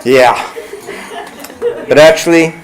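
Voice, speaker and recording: Slow-speaking man giving a eulogy. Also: fairly high pitch, crowd noise, rough recording. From Canada. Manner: slow, measured, warmly reflective. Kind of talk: spoken eulogy at a funeral. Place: funeral service venue.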